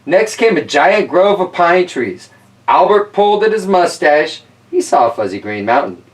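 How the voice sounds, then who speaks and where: Here the reader sounds on the high side and sing-song, moving at normal speed through the picture book while adding wry, playful comments. The microphone is distant.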